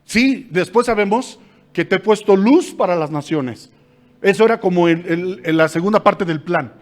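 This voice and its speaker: A male pastor with a Mexican accent teaching a Bible study in an animated, colloquial way. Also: high-pitched, normal speed. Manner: animated, uses colloquial slang, acts out quotes.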